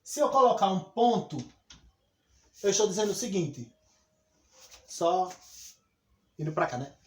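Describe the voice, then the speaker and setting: A man with a Brazilian Portuguese accent teaches a classroom lesson, explaining things step by step and speaking directly to his students, often saying "olha só." His voice is high with lively intonation and a measured pace, heard in an echoey room.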